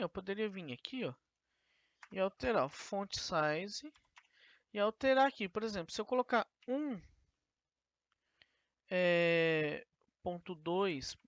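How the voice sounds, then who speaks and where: Woman teacher, gravelly voice, talks a screen-recorded coding lesson through step by step on a dull lo-fi mic. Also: medium pitch, dry recording. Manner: explains step by step, asking and answering her own questions.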